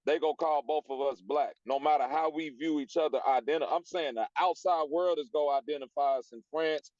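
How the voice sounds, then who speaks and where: Male panelist from Chicago, mid-pitch, insistent; dry, muffled recording. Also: a little fast, a little mellow, no room sound. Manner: insistent, presses to be heard. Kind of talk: heated casual debate. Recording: dull dry sound.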